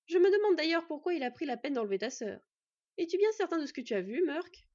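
A woman voicing a pessimistic male elf who speaks flatly and wearily. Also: sits high, fast talker, muffled recording, voice pushed up. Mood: reassuring. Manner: flat and weary.

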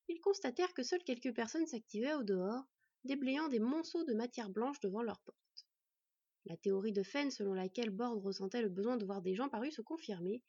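A woman narrating a fantasy audiobook in a steady storytelling voice. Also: on the high side, husky, dry recording. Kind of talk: scripted narration. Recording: dull, dry recording.

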